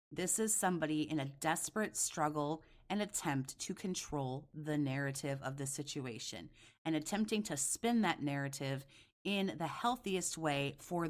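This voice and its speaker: Woman doing reaction commentary, lowish voice, sarcastic and blunt, swears a lot, telling someone off.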